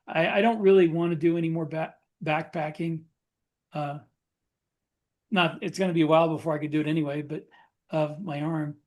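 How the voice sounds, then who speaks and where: A middle-aged American man co-hosts a podcast in casual chat, plain-spoken and often restarting his sentences. His voice is fairly high with fairly even intonation, at normal speed, and he pauses often.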